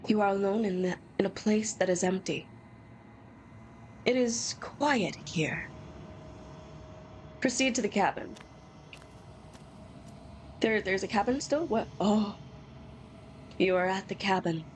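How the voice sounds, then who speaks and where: A woman's voice: medium pitch, slow, long pauses, slight background noise. Playful woman doing casual game commentary. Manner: playful, giggly, reacts aloud. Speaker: game streamer. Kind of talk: casual game commentary, reading text aloud.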